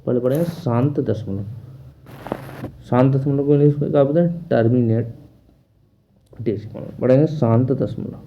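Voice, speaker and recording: A man's voice: medium pitch, normal speed, pauses often, muffled recording, slight background noise. A man teaching a math class online, asking questions and answering them himself in a repetitive drilling manner.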